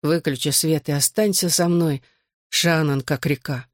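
An audiobook reader voicing a dazed, clingy young man in a hospital bed, speaking slowly with a slurred, tender manner. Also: mid-range voice, steady tone, dry recording, clean studio sound, natural voice. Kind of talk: audiobook character voice.

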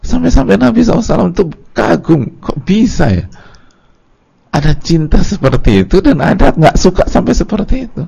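A man with an Indonesian accent preaching at a religious study lecture, telling a story with lively, acted-out quoted voices. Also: sits high, brisk, creaky, breathy edge. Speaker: Islamic preacher.

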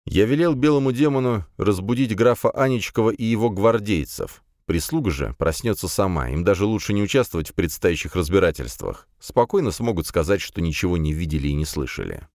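A man reading a first-person fantasy audiobook in an even, measured way. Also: low voice, dry recording, clean studio sound. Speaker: audiobook narrator.

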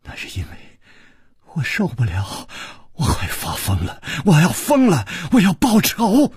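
A man's voice: fairly low pitch, huge pitch swings, slow, a little mellow, dry recording, studio quality, voice pushed down, full character voice. Coy taunting young woman, as a man reads her. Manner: taunting, coy, breathy murmurs. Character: teasing jealous-baiting young woman.

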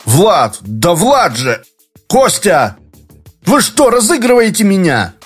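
Blunt, exasperated office worker, by a man, animated delivery. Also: high-pitched, slow pace, breathy edge, soft background music, voice pushed up, exaggerated voice. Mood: bewildered, indignant. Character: frustrated, stubborn young male office worker.

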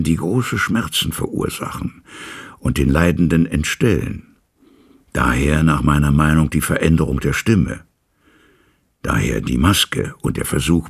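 A man voicing a grave, measured male lawyer who speaks deliberately and with weight, in a gravelly, husky voice. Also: sits low, voice pushed up, full character voice.

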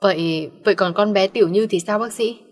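A woman's voice: mid-range voice, brisk, natural voice. A woman voicing an elderly father over sixty who demands answers urgently and sternly. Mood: agitated. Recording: long reverb.

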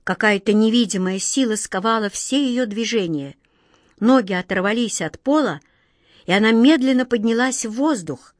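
A woman's voice: fairly high pitch, animated, normal speed, no room sound, studio quality. A woman narrating a children's storybook with expression, doing voices for the characters. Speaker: audiobook narrator.

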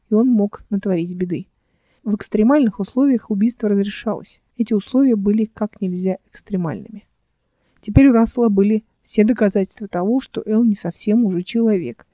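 An audiobook reader giving an even, measured narration of a novel. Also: mid-range voice, no echo, studio quality. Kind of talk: scripted narration.

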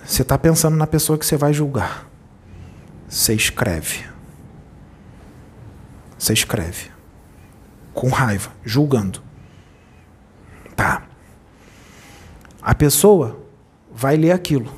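Husky man giving an admonishing spiritual talk. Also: on the high side, animated, a little slow, long pauses, darkish tone. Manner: admonishing, asks many rhetorical questions. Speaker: spiritual medium. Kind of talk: channeled spiritual sermon.

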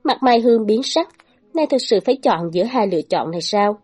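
A woman narrates a dramatic old-time tale in a steady, measured storytelling voice at a middle pitch. Soft guitar music plays faintly underneath. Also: slightly rough.

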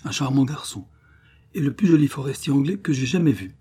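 A man voicing a refined young noblewoman who gently teases her brother, in a storybook reading. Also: medium pitch, expressive, a little fast, husky, voice pushed up. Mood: teasing. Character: young noblewoman, teasing and lively.

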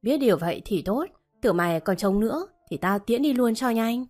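A woman's voice: a little high, lively intonation, fairly quick, darkish tone, faint music behind. A woman voicing a harsh middle-aged mistress of the house who scolds her maid with contempt. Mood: scornful.

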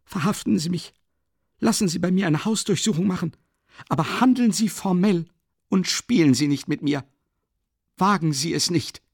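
A desperate young student in a blind rage, as an audiobook reader puts him on, his voice climbing high and loud as he rails and refuses to be mocked. The delivery is dry and close. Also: normal speed, pauses often, dry recording. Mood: enraged. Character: furious young male student, desperate and defiant.

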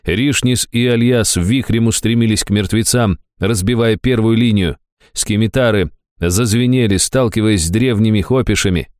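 A man reading a fantasy audiobook in scripted narration, with a measured, even delivery. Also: fairly low pitch, no echo, clean studio sound.

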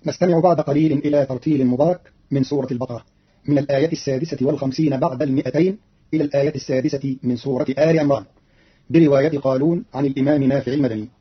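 Brisk man, husky voice, formal scripted explanation, lo-fi old radio recording. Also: mid-range voice, fairly even intonation. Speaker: radio announcer. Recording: dull lo-fi archival radio recording.

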